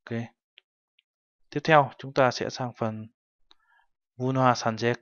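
A man's voice: medium pitch, steady tone, slow pace, no room sound. A male teacher patiently explaining a textbook lesson and translating each phrase step by step. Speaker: Korean language teacher. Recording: dull lo-fi recording.

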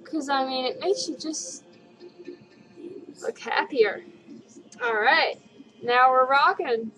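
Giggly tipsy young woman, high voice. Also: slow, fairly bright tone, rough recording. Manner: giggly, tipsy drunk rambling. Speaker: makeup tutorial vlogger. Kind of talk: casual chat, makeup tutorial. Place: living room at home, indoors. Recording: webcam audio with background noise.

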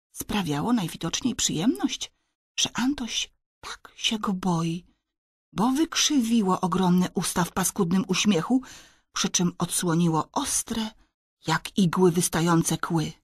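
Woman narrator, husky voice, dramatic storybook reading, mid pitch, dry close sound. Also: no echo. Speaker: audiobook narrator.

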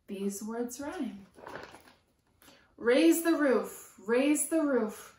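Reading expressively to young children, a woman in her thirties who teaches preschool uses rhythmic, sing-song phrasing and emphasizes sound words. Her voice is on the high side with a darkish tone, and she draws words out. A camera a few feet away in a small home room picks up a roomy echo plus a little hiss or hum.

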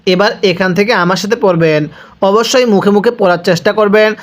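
A man's voice: high-pitched, fast talker. A man teaching Quran reading with a Bangladeshi Bengali accent, patiently spelling out letters and vowels, then drawing out each word for the listener to repeat. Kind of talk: slow spelled-out recitation lesson.

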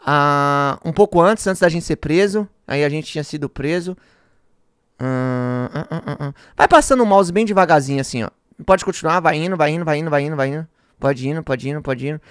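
A man's voice: fairly high pitch, fairly quick, smooth, no room sound, studio quality. A young man with a Brazilian accent, a guest telling a story in casual chat while walking someone through a video clip. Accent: Brazilian Portuguese. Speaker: guest streamer.

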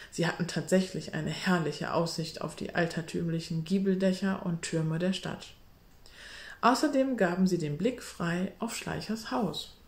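A woman reading a children's storybook aloud in a steady, clear narrating voice. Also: fairly low pitch. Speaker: reader. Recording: roomy echo.

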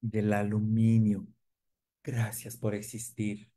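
Man, sales trainer, mellow voice, playful and lively with the audience. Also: on the low side, slow pace. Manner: lively, jokes and quizzes the audience. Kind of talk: live sales training demonstration.

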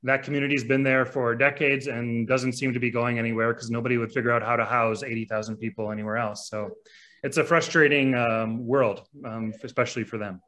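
A man talks over a video call in a relaxed, conversational way, reporting to a club as a guest. His voice is bright and forward, at a middle pitch. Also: brisk.

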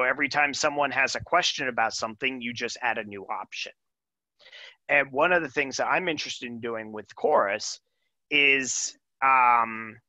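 Bright, casual man demoing on a call. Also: medium pitch, no room sound, lo-fi sound. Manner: casual, thinks aloud with frequent "right?" and "um". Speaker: presenter demoing software. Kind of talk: live demo talk on a video call.

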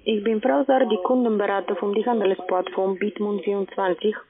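A woman working as a call centre agent makes a sales call over the telephone, speaking briskly with non-native grammar. Her medium-pitched voice has fairly even intonation, and the narrow, tinny phone line picks up crowd noise.

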